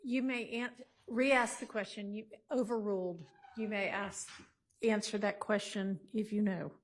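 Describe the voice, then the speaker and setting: A woman's voice: medium pitch, fairly even intonation, a little slow. A woman serving as judge, giving brief procedural rulings, heard on a courtroom recording. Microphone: courtroom microphone at a distance. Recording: courtroom feed picked up from a distance.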